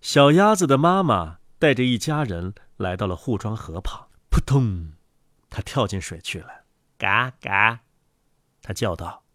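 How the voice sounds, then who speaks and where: A man reading a fairy tale aloud in a lively, expressive storyteller manner. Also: fairly low pitch, normal speed, dry recording, studio quality.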